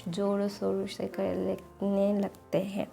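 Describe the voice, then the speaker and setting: A woman's voice: mid-range voice, monotone, slow, vocal fry, mellow, soft background music. A woman casually retelling a fan fiction story, chatty, with many fillers and restarts, quoting the characters in her own voice.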